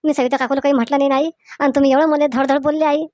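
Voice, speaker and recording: The voice is a tearful, defensive young daughter-in-law, acted by a woman. She sits high in pitch and pleads, repeating her words of address. The recording is dry and close, with no room sound. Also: steady tone, very fast, warm tone, dry recording, lightly acted. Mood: pleading tearful. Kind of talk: comic skit acting.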